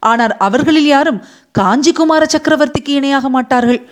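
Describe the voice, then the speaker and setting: Brief: woman reader doing a high, fiery young dancer, hurt and indignant, for a storybook audio drama. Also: normal speed, close to an everyday voice. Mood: wounded, indignant. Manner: tearful, indignant, speaking through a third party. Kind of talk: audiobook character voice.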